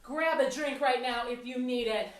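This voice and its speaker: A woman's voice: on the high side, normal speed. A woman fitness instructor leading a workout class, out of breath, encouraging the class and counting down reps. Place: fitness studio. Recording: echoey room, mic at a distance.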